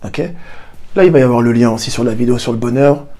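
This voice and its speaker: A man's voice: medium pitch, fairly even intonation, fast talker, dark tone. A man hosting a personal growth channel, explaining ideas straight to the viewer and repeating key points for emphasis. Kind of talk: explanatory talk to camera.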